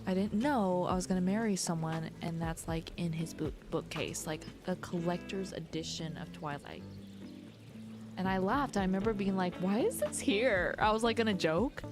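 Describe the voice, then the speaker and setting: A woman's voice: fairly low pitch, steady tone, normal speed. A woman live-streaming a cozy game, chatting casually and rambling with lots of "like"s. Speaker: gaming streamer. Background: game background music.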